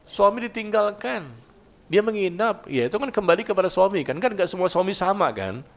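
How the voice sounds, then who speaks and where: Man preaching, chatty sermon, higher-pitched voice, asks the audience questions, acts out dialogue. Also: lively intonation, brisk. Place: mosque gathering.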